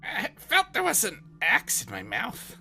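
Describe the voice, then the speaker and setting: A man voicing a weary, grumpy captive skeleton who wants to die, speaking in a gravelly, strained rasp with curt, sardonic groans in a tabletop game. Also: sits high, huge pitch swings, a little slow, sharp tone, soft background music, voice pushed up, heavily acted. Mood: miserable, sardonic. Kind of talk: tabletop role-play character voice.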